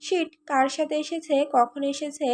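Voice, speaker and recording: A woman's voice: high voice, fairly even intonation, measured pace, slight background noise. A woman reading an audio story, voicing a stern, commanding young man who scolds his younger sister. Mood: urgent. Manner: sharp, scolding.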